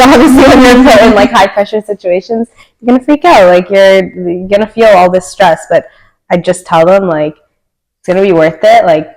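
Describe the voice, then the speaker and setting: Laughing frequently and scattering "like" throughout, a young woman from Canada chats as a podcast guest in her Canadian accent. She speaks at a fairly low pitch with a slightly mellow sound, and the audio is poor.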